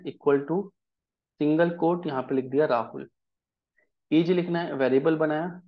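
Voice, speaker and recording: A man's voice: on the high side, lo-fi sound. A man teaching a programming lesson in Hindi, explaining step by step and often checking whether the class follows. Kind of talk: live coding lesson.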